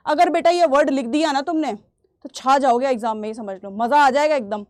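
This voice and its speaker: A woman teacher giving an exam revision lesson, reading English lines slowly and then explaining them, repeating key points and clearing her throat now and then. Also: high-pitched, no room sound, studio quality.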